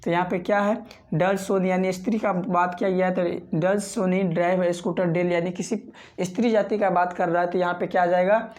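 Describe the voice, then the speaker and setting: A man from Bihar, teaching a spoken English lesson. He repeats example sentences slowly and keeps checking in with viewers as friends. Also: high voice, little pitch movement, darkish tone. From Bihar, India. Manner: repetitive drilling, reads example sentences slowly.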